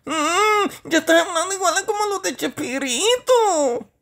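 A man's voice: very high-pitched, lively intonation, measured pace, sharp tone, voice pushed up, heavily acted. A man voicing a whiny, weepy man who sobs as he complains. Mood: whiny weeping. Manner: sobbing, whining, hurt.

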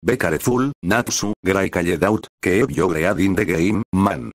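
A man's voice: deep voice, moderate pace, dry recording, studio quality. A man voicing a blunt, scolding young male mage in a fan fiction reading.

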